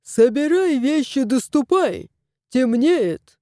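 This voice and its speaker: A cocky hairless tomcat from a storybook, blunt and bossy, mocking the old spirit, as a woman voices him. The voice sits high and moves a lot in pitch, and is dry and close. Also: lively intonation, slow pace, warm tone, no echo. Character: brash hairless male sphynx cat, cocky.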